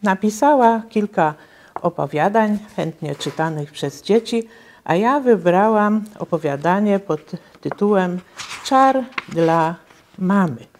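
A woman reading a children's story aloud at a reading event, in measured, careful storytelling. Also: mid-range voice, darkish tone, a little hiss or hum. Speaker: reader at a cultural centre reading event.

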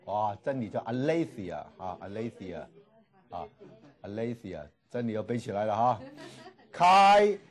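A man teaching a classroom lecture, repeating each word slowly and filling pauses with drawn-out particles. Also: fairly low pitch, animated, darkish tone. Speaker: Greek language teacher. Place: classroom with students.

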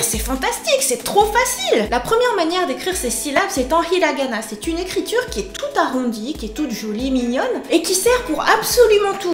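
A woman giving an upbeat video lesson as an online language teacher, bubbly and enthusiastic, with cheerful exclamations. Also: very high voice. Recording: echoey room with faint music.

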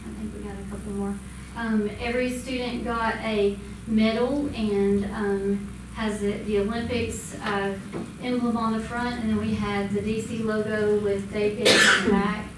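In a flat, mid-range voice at a moderate pace, a middle-aged woman reports informally to the school board, barely pausing but dropping in plenty of ums. She represents the school department and stands while speaking. A far-off room mic in the meeting room yields echo and background noise.

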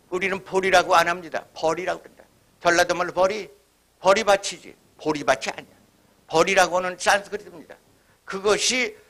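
High, bright-voiced man lecturing. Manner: emphatic, imitates regional dialect phrases. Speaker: forum lecturer. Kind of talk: history lecture.

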